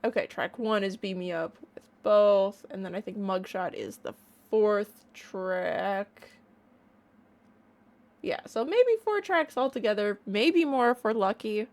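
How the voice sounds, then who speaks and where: A woman streamer giving a casual, excited reaction in a playful, bubbly, gushing way. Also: mid-range voice, takes it slowly. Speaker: online reaction streamer and music creator.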